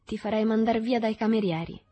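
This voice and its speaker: A woman's voice: on the high side, brisk, dark tone, slightly rough, dry recording, soft background music, pitched above the performer's own voice. A woman voicing a shy thirteen-year-old rich boy who grows boastful, in a storybook reading. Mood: earnest. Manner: shy, hesitant, then proudly boastful.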